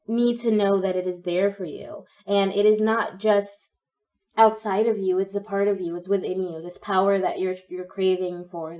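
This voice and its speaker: In a pick-a-card tarot reading, a young woman who has a cold speaks gently and encouragingly, her mid-range voice soft, mellow and slightly croaky. The sound is dull and a bit far off, suggesting she sits back from the mic.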